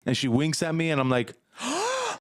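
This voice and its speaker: A man co-hosting a casual podcast, an animated storyteller who swears and slips into funny voices. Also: medium pitch, fast, clear, resonant tone. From Cuban-American, Miami. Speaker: podcast co-host.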